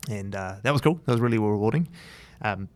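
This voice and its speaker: Low-voiced New Zealand man, rambling. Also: lively intonation, quick pace, darkish tone. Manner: loose and rambling, many fillers and restarts. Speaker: guest, entrepreneur. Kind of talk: casual interview chat. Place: his office.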